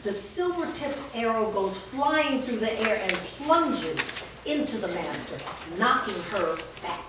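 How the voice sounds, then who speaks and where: A woman with a fairly high, sing-song voice narrates a staged reading, slowly reading the scripted stage directions. The capture is distant and noisy, made in a large, echoey room.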